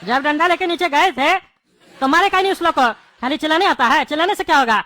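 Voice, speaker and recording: A woman's voice: high-pitched, fast, sharp tone, no room sound. A woman, playing a quarrelsome neighbour in a scripted comedy sketch. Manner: scolding, quarrelsome. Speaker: comic character, bald neighbour.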